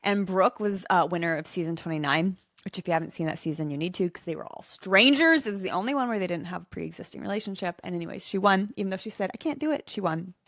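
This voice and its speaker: A woman's voice: fairly low pitch, fast talker, fairly bright tone, dry recording, studio quality. A woman hosting a solo podcast, chatting in a bubbly, enthusiastic way with frequent asides. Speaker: podcast host.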